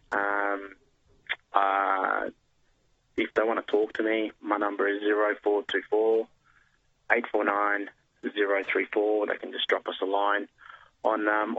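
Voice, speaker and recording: A man calling in as a guest on a radio show, speaking hesitantly with many filler sounds. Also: lowish voice. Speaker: guest on the phone. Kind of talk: casual radio interview. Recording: tinny phone line.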